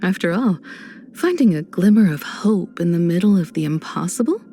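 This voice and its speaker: An actress voicing Himeko, a graceful, composed and warm space navigator in a video game, with a poised, gently reassuring manner. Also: female voice, on the low side, lively intonation, normal speed, slight background noise. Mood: reflective, admiring. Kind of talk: polished game voice acting.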